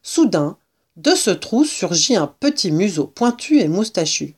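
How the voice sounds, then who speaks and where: Slow, expressive woman storyteller. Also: mid-range voice, slightly rough. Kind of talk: scripted narration of a children's story.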